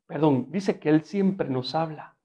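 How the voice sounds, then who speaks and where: A male pastor with a slightly high, warm voice preaches unhurriedly, telling his sermon like a conversation or story. He often poses rhetorical questions and mixes in humor.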